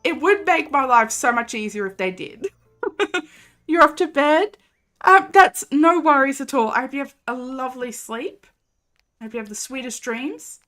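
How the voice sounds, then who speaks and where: A woman's voice: high voice, animated, moderate pace, a bit bright, faint music behind. A young woman streaming a game and chatting casually with viewers, rambling with lots of fillers and laughs. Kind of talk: casual live-stream chat.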